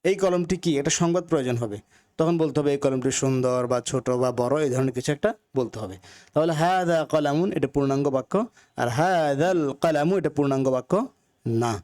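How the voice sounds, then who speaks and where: A man's voice: on the high side, a little fast, darkish tone. A man teaching a recorded Arabic grammar lesson, carefully sounding out words and repeating them with their meanings for learners. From Bangladesh. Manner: repeats phrases for learners to follow.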